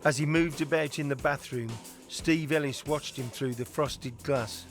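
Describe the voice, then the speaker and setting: Male documentary narrator, measured. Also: on the high side, steady tone, soft background music.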